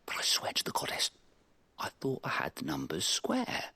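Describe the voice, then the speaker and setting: An actor playing a nervous, bumbling bookkeeper in a video game, in a breathy, often whispered voice as whispered role-play. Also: male voice, medium pitch, huge pitch swings, moderate pace, pushed and bright, heavily acted. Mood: sheepish. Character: sheepish bumbling bookkeeper man, nervous and evasive. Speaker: game character.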